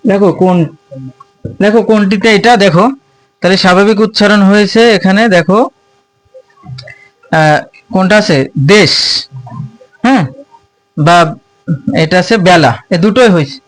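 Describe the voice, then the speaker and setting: A man's voice: high voice, normal speed, long pauses, dry recording, faint music behind. A male teacher giving an informal grammar lesson to students. He asks questions, answers them himself and keeps repeating the key terms. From Bangladesh. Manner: colloquial, informal address to students.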